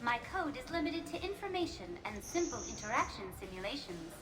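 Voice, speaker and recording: Too-smooth polite android. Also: female voice, sits high, a little fast. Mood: flat. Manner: even, precise machine-like delivery. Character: smooth polite female AI program. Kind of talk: video game voice acting. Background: game music.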